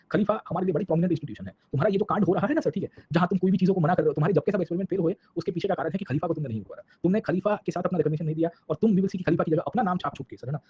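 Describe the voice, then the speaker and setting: A man's voice: high voice, dark tone, muffled recording, slight background noise. A man teaching a recorded history lecture who mixes in English phrases and keeps asking his students whether they follow, with asides about exam preparation.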